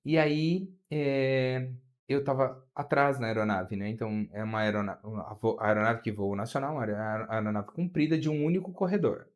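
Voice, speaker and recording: Brazilian man telling an animated story. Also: moderate pace. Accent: Brazilian Portuguese. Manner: animated, pitch rising as the story builds. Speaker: flight attendant guest. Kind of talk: storytelling in an interview.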